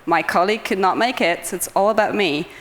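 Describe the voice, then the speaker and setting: A young woman from Poland gives a conference talk over a microphone, speaking fast in a medium-pitched voice with a Polish accent. She's cheerful, pokes fun at herself, and laughs a lot, while the hall adds a long reverb and there's slight background noise.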